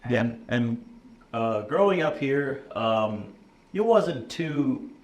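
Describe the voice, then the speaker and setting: In a relaxed interview, a computer science instructor from the USA talks casually, dropping ums and uhs and often checking in with "okay?". He's an American man in his thirties whose first language is English, with an expressive mid-range voice and a slow delivery. Faint room noise and a roomy echo surround him.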